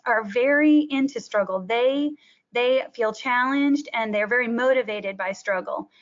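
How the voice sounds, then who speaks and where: Educator, woman, middle-aged, higher voice, earnest webinar talk with ums, dull lo-fi sound. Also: fairly bright tone. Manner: earnest, frequent ums, talks through slides. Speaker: school technology educator presenting a webinar. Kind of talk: webinar presentation. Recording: muffled lo-fi webinar audio.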